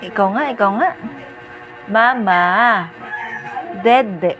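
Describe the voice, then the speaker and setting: A woman from the Philippines, a mother and family vlogger, coaxing her baby to repeat first words in slow, repetitive baby talk. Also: mid-range voice, fairly bright tone, rough recording. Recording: background music over the voice.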